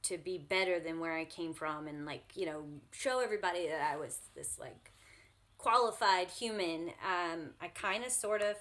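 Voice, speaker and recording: A woman's voice: lowish voice, normal speed, a bit bright. Earnest woman blogger, tearful interview. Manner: earnest, repeats words, many fillers. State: tearful, crying. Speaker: guest blogger. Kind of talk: casual interview answers. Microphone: remote call.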